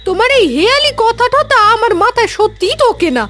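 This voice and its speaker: A woman's voice: extremely high pitch, animated, a little fast, a bit bright, soft background music. A woman voicing a nagging, curious village wife in a cartoon, questioning and scolding.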